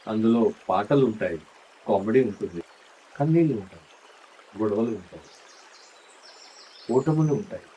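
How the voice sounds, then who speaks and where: A man's voice: on the low side, animated, normal speed, pauses often, mellow, muffled recording, a little hiss or hum. A middle-aged man delivering a scripted, heartfelt monologue as a husband speaking tenderly and intimately to his wife. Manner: tender, intimate, coaxing tone addressed to a spouse.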